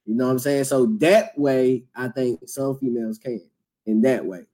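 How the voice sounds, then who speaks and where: A man with a dark, mellow voice talks casually as a podcast co-host. He lays out his view in a measured, laid-back way. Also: medium pitch, fairly even intonation. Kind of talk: casual chat.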